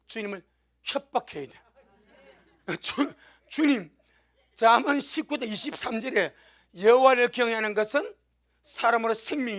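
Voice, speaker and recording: A male pastor preaching with emphatic, exclaiming force, sometimes crying out to God. His voice sits very high and has a gravelly edge. He preaches in a church. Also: a bit bright. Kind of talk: sermon.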